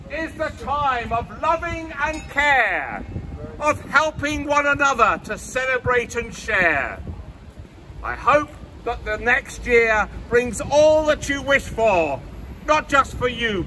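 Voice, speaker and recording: Male town crier, 60s, forceful declaimed proclamation, unhurried delivery, outdoor street with some traffic noise. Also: extremely high pitch, rough recording. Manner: declaiming loudly and slowly in town crier manner, projecting to the street.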